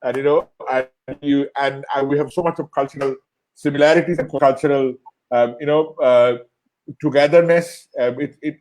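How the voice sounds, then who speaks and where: A man from Bangladesh hosting an interview show, thanking his guest in a halting way, with many fillers and repeated words. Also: mid-range voice, darkish tone. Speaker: host. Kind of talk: closing an online interview show.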